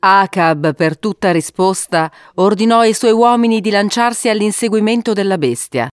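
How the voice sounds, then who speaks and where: Smooth-voiced woman reading a storybook. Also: medium pitch, no echo, clean studio sound. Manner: measured, expressive reading. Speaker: narrator. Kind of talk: storybook narration.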